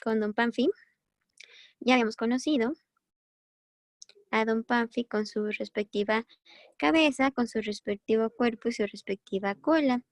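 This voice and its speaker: A woman's voice: a little high, no room sound. A woman teaching a recorded medical lecture in a chatty, encouraging way, often correcting herself as she goes.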